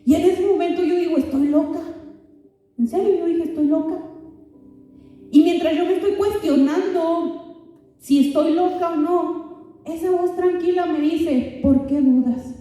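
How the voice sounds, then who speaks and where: A woman's voice: extremely high pitch, fairly even intonation, warm tone. Earnest young woman sharing a testimony. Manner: earnest, addresses listeners directly, often halting and repeating words. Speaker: youth speaker giving her testimony. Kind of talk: emotional spoken testimony to a youth group. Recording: echoey hall from far off.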